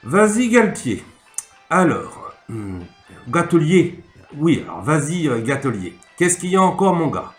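A man voicing a small, bald country judge who speaks briskly and dismissively. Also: fairly high pitch, sing-song, voice pushed up. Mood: impatient. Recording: echoey room, faint music.

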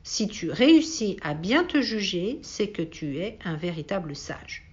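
A woman's voice: lowish voice, very animated, unhurried, breathy edge, lo-fi sound, heavily acted. A woman doing a bossy old king. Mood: commanding. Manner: commanding, lecturing. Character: old self-important male king.

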